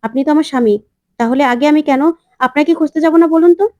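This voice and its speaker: A woman voicing a young wife who speaks calmly and earnestly to her in-laws. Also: high voice, racing, no room sound, lightly acted. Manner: calm, earnest pleading. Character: steady, devoted young wife.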